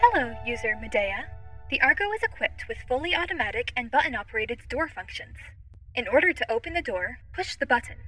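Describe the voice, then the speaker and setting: Audio drama: too-smooth female android assistant played by a woman, high, bright and crisp, polite, literal and quietly curious. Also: a little fast, no echo, faint music behind. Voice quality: too smooth, even, formal android-like phrasing. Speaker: ship's AI assistant.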